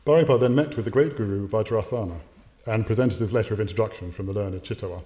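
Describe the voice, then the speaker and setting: Male academic lecturer, lowish mellow voice, measured delivery with small hesitations, dull lo-fi recording. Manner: measured, with occasional hesitations and self-corrections. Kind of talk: academic lecture with read-aloud story.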